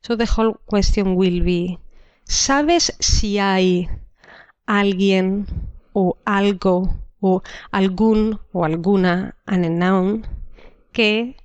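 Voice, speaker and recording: A woman teaching a language lesson, explaining slowly and repeating each example sentence twice. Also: medium pitch, a little mellow, no room sound. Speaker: Spanish teacher. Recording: dull dry lo-fi recording.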